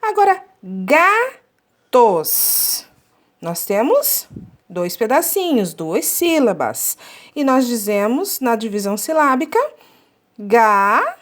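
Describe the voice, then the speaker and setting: Woman teaching young children, lively, sing-song delivery, drawing out syllables and checking in with the class. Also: on the high side. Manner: slow, drawn-out syllable counting; checks with "tá?" often. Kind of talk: children's lesson.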